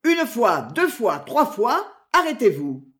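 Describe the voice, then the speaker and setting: Storybook hero: a woman plays a brave young male archer, firm and commanding, lively delivery. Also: mid-range voice, moderate pace, natural voice. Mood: stern warning. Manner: firm, imperious warnings.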